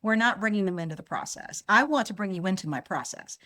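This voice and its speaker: Woman guest explaining calmly. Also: mid-range voice, quick pace. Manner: explains with acted-out example dialogues. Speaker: physician and conflict analyst guest. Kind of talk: conversational podcast interview.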